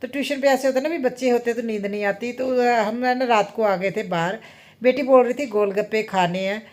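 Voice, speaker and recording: A woman's voice: on the high side, a little fast, a little mellow. A woman in her thirties chatting casually in a home vlog, rambling and often adding tag questions. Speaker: vlogger and mother.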